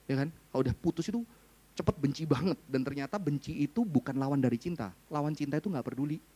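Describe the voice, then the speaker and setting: High-voiced pastor. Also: male voice. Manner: conversational, quizzes the audience, swings between hushed and loud. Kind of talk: sermon.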